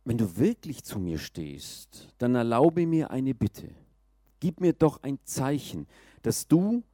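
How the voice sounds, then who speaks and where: A man reading a Bible passage aloud in a measured, calm way. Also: medium pitch, no echo, clean studio sound. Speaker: scripture reader.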